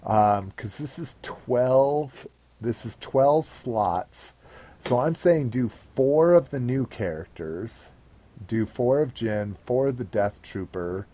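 Low, mellow man chatting casually. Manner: rambling, sweary. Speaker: podcast host. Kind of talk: casual hobby chat.

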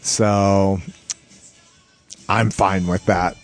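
Male podcast host, lowish voice, informal and sweary, chatting off the cuff. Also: little pitch movement, very slow, soft background music. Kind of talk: casual toy news chat.

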